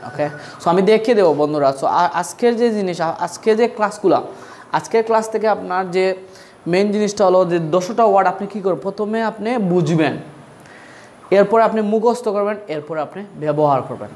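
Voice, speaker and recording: A man with a Bengali accent teaching a casual spoken-English lesson, often asking "okay?" and calling listeners "brother", drawing out example words slowly. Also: high voice, a little mellow, a little hiss or hum. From Bangladesh.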